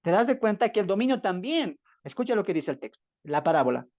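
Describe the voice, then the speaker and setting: A man's voice: sits high, very animated, quick pace, a little mellow, dry recording. A man from Bolivia teaching the Bible in an emphatic, preaching style, asking his listeners questions and answering them himself. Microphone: video call. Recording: dull, dry, lo-fi video-call audio.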